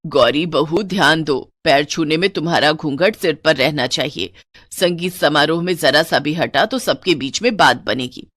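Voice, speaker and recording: A woman's voice: low-pitched, moderate pace, fairly bright tone, pitched below the performer's own voice. A woman voicing a strict, old-fashioned older mother-in-law who scolds her daughter-in-law. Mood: stern. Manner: scolding, commanding.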